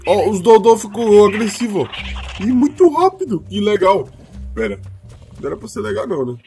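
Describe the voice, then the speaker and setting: A man role-playing a worried creature father guarding his island in a let's-play, talking in an excitable, exclaiming way. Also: high voice, moderate pace, soft background music. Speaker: gameplay role-player.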